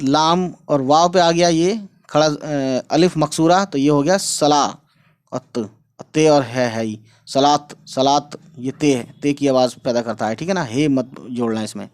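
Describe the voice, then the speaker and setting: A man's voice: on the high side, a little mellow. A man teaching an Urdu textbook lesson, patiently spelling out letters and checking in often. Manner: patient, repeats words and checks with "theek hai". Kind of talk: explaining a textbook lesson to camera.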